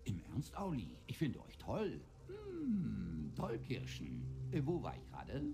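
An actor playing a whimsical, gleefully cruel mad god in a video game, theatrical and erratic. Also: male voice, mid-range voice, wildly swooping pitch, a little slow, vocal fry, music in the background, exaggerated voice. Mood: gleeful, mocking. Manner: theatrical, erratic, wildly swooping delivery. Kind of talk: video game character acting.

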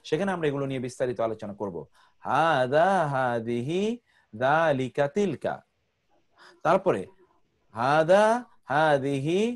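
A man teaching an online grammar class, patiently repeating word lists for students to memorize. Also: a little high.

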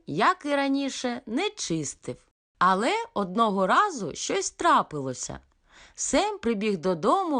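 A woman narrating a children's fairy tale in a gentle, unhurried way. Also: medium pitch.

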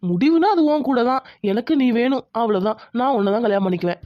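A woman's voice: fairly high pitch, lively intonation, fast, no echo, lightly acted. A woman voicing a pushy, lovestruck young village man who talks insistently. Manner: insistent, clingy. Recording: dry, dull lo-fi sound.

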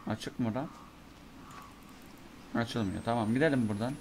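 A young man giving let's play commentary on a horror game, talking to himself and cursing in bursts, his voice going hoarse from a sore throat. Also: medium pitch, moderate pace, a little mellow, a little hiss or hum. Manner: mutters to himself, curses and reacts in bursts. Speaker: gamer playing a horror game.

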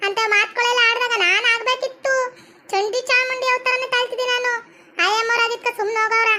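A woman playing a bossy, sharp-tongued middle-aged village aunt in a comedy skit, speaking with a North Karnataka Kannada accent. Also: very high voice, steady tone, a little fast, very noisy. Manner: scolding, sharp-tongued, theatrical.

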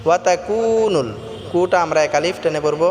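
A man's voice: on the high side, long reverb tail, slight background noise. Man chanting verses and explaining tajweed. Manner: slow melodic chanting of verses, brisk plain explanations. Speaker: Quran recitation teacher. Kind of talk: tajweed lesson alternating chanted recitation and quick spoken explanation.

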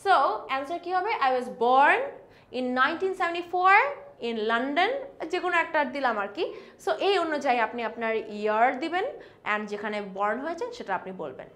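High-voiced Bangladeshi woman teaching English. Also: expressive, a bit bright. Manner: mixes Bengali with English, reads English examples slowly and deliberately. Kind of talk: online lesson.

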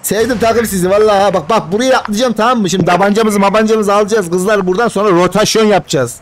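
A man's voice: high-pitched, fast. A man with a regional Turkish accent chatting casually and colloquially during a game, boastful and fond of repeating himself. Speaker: game streamer playing with teammates.

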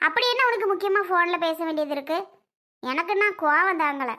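A performer with a high voice plays a gossipy, sharp-tongued young sister-in-law in a family comedy skit, grumbling as she tells tales. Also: animated, fairly quick, heavily acted.

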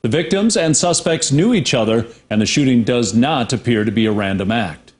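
A male news anchor reading scripted local news in a steady, measured way. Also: medium pitch.

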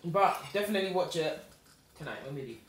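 A young woman chatting with friends over dinner, amused and quick to laugh. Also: on the low side, expressive. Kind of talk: casual chat over a meal. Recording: roomy, distant, noisy restaurant. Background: cutlery and dishes clinking.

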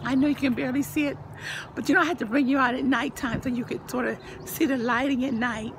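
An older woman vlogger, saying she's losing her voice, gives a lively, preachy tour of her backyard garden, encouraging viewers with church phrases in a casual home video. Her voice is high and quick. It's filmed outdoors on a handheld phone, with a noisy background.

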